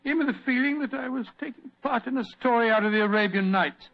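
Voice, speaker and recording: A man's voice: extremely high pitch, fast, gravelly. A man playing a courteous, fussy British doctor and sidekick in an old-time radio mystery, blustering and stammering politely as he repeats himself. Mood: amazed, musing. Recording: dull vintage radio drama recording.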